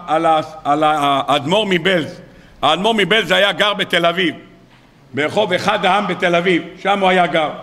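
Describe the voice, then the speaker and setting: A rabbi delivering a sermon, a man with a high voice that rings bright and sharp. He tells stories briskly and acts out each character's lines as he goes. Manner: lively storyteller acting out dialogue. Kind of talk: sermon with storytelling.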